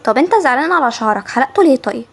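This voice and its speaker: A woman's voice: high voice, expressive, very fast. A woman voicing an anxious, caring sister in a fan cartoon, speaking with urgent pleading. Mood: worried. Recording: loud background noise.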